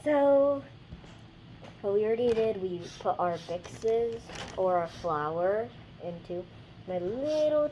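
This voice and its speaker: A woman hosting a casual craft how-to, chatty and rambling, with a slightly hoarse voice from losing it a little. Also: medium pitch, background noise. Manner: chatty, rambling, trails off mid-sentence. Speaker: craft video host.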